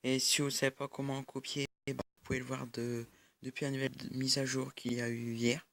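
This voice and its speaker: A man's voice: mid-range voice, little pitch movement, fairly quick, fairly bright tone, no echo. A young man giving casual mobile-game commentary over a recording of his screen, hesitant and full of fillers. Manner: hesitant, many fillers and restarts. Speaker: gaming YouTuber.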